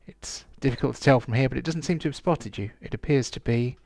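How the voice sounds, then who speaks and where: Brief: male game master narrating a tabletop game, mid-pitched and halting, recorded dry. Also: vocal fry, darkish tone, no room sound. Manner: halting, many fillers.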